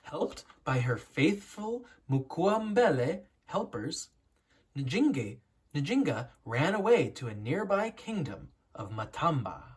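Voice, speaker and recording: An educator reading a children's picture book aloud in a storytelling, instructive way with deliberate emphasis and a slightly husky voice. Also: mid-range voice, very animated.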